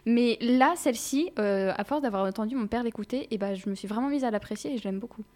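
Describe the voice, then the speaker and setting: A woman guest on a radio chat, explaining her music tastes in an animated, careful way. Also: on the high side, fast talker. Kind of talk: casual chat.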